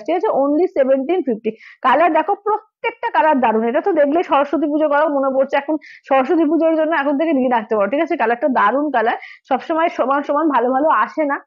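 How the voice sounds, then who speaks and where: Woman, hoarse a cold, high voice, rapid sales patter, dull lo-fi sound. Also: dry recording. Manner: brisk, repeats prices, keeps asking "okay?". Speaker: saree seller on a live sale stream. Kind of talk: live-stream sales pitch.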